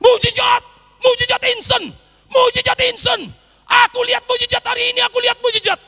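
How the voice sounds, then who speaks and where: A preacher acting out a frantic shouting pastor. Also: male voice, very high voice, level tone, fairly quick, pitched above the performer's own voice, full character voice. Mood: ecstatic. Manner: shouting, breathless pleading. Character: frantic then jubilant middle-aged male pastor. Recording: echoey old church hall recording.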